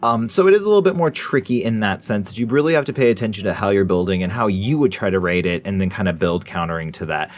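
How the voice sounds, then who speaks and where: A man's voice: lowish voice, animated, fast talker, few pauses. A man hosting a gaming channel, giving a casual, informal top ten countdown style commentary on ranked entries. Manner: informal, folksy phrasing.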